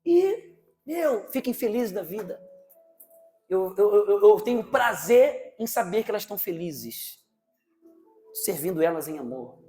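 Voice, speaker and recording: A Brazilian man preaching a sermon, animated, firing rhetorical questions at the congregation and acting out parents and children in quick asides. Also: fairly high pitch.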